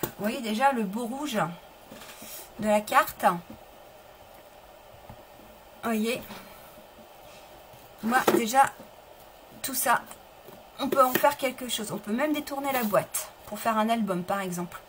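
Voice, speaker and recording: A chatty middle-aged woman hosts a live craft tutorial from her home table, her voice sitting a little high. She talks loosely, restarting sentences and answering viewers as she goes. The stream audio carries clear background noise. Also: slow pace, long pauses. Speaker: papercraft demonstrator.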